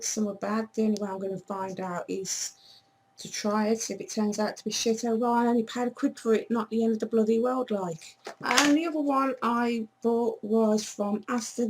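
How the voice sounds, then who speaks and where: A woman chatting casually to camera in a vlog, her voice hoarse and failing, blunt and swearing now and then. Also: medium pitch, a little mellow, low-quality recording. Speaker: vlogger.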